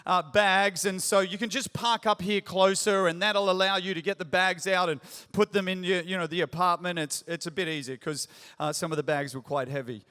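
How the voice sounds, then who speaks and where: Before a large church congregation, a pastor in his forties delivers a sermon, mixing self-deprecating humor into his story and working up to punchy questions. His high, bright voice is steady and clean at a normal speed, with a long hall reverb.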